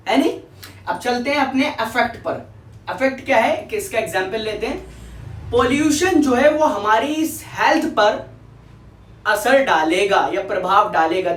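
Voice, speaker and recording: A woman teaching English vocabulary in a language lesson, patiently repeating words and checking that the listener follows. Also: fairly high pitch. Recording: echoey room, voice from a distance.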